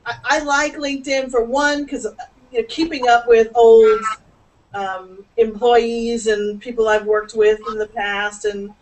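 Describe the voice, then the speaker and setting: Woman host, video call chat, chatty, laughs a lot, slightly high voice, mic a little distant. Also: little pitch movement, a little slow, darkish tone. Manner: chatty, laughs often, many restarts.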